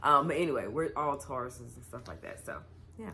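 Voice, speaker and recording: A woman's voice: a bass voice, lively intonation, fairly quick, background noise. A young woman from North Carolina, chatting casually to viewers as a vlogger in a tipsy, giggly, rambling way. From North Carolina, United States. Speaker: YouTuber host.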